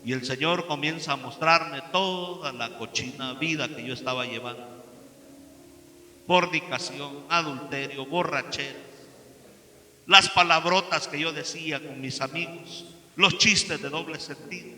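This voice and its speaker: Mexican man, impassioned church testimony, very bright voice, long reverberating hall. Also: on the high side, unhurried. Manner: impassioned, swinging between hushed and loud. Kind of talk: preaching testimony.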